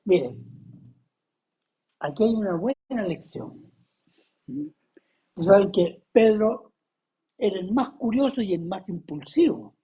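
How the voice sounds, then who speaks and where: A Chilean preacher walks the congregation through scripture at an unhurried pace, stopping to pose questions to the listeners. The delivery is conversational rather than grand, broken up by frequent coughs. The recording sounds dull and lo-fi, and the voice sits at a middling pitch. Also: animated. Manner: conversational, asks the audience questions, coughs often. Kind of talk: Bible study sermon.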